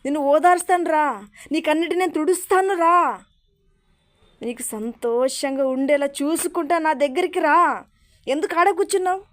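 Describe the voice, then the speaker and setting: Woman speaking as God, a consoling father figure, high soft voice, gentle pleading questions. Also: moderate pace, pauses often, close to an everyday voice. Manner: soothing, pleading questions, calls listener "little darling". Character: God as a tender, comforting divine father.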